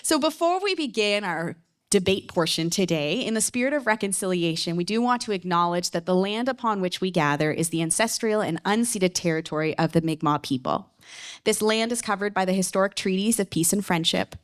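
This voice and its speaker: A woman's voice: mid-range voice, lively intonation, fairly quick. A woman with a Newfoundland accent moderating a public event from a podium, speaking informally with self-deprecating, joking asides. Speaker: debate moderator. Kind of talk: event welcome and introductions at a podium.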